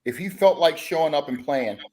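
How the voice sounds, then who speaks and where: A bandleader appears as a guest musician on a podcast, chatting casually and rambling with lots of fillers and restarts. His voice is a little high and darkish in tone, and he talks fairly quickly.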